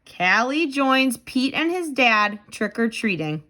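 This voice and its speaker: Reading slowly in a fairly high voice, this woman performs a children's storybook with lively expression. She poses questions to young listeners in a dramatic way, gasping for effect and keeping her phrasing plain and clear.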